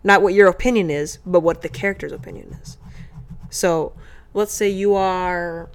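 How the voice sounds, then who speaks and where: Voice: mid-range voice, steady tone, normal speed, clear, resonant tone. A giggly co-host chatting casually with a friend and laughing often. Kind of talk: casual chat.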